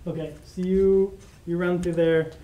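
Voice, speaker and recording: A game master talks players through a tabletop scene in halting, filler-heavy narration. The voice sits at a middle pitch and echoes around the room, with a faint hiss underneath. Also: flat delivery, dark tone. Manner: rambling, hesitant, full of fillers.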